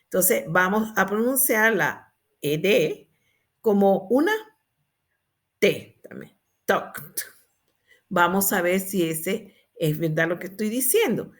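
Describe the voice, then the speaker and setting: A woman teacher explaining English pronunciation to students, patiently repeating each word slowly. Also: medium pitch, a bit bright. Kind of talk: slow explanatory English lesson in Spanish.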